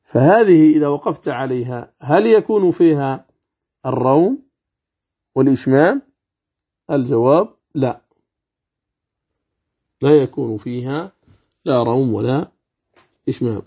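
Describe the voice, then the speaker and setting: A man teaching the rules of Quran recitation, asking and answering his own questions and slowly demonstrating words. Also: medium pitch, animated, mellow, slightly rough, highs cut off. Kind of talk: religious lesson commentary.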